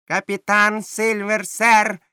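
A man voicing a rough male pirate messenger who shouts his words from a distance, read as an audiobook. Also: high-pitched, little pitch movement, takes it slowly, dry recording, clean studio sound, voice pushed up, exaggerated voice. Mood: shouting. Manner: shouting from afar.

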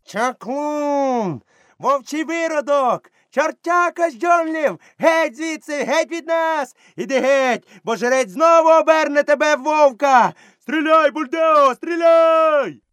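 A man voicing an angry village mob, yelling shrill insults. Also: slow pace, dry recording, studio quality, exaggerated voice. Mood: enraged.

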